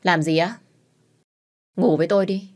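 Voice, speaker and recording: A woman's voice: lowish voice, steady tone, moderate pace, natural voice. A woman voicing a smug young man who teases in an offhand, mocking way.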